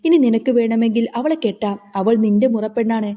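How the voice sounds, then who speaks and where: A woman narrator reading the lines of a calm, authoritative middle-aged man, head of the family, reassuring and declaring. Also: on the high side, brisk, in a large hall, lo-fi sound, lightly acted.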